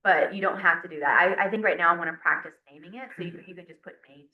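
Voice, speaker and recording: A woman teaches chemistry, walking students through each step and counting aloud as she works at the board. Her voice sits a little low for a woman. The recording is dull and lo-fi, with the ring of a roomy classroom. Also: fast talker, noisy background. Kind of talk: classroom lecture.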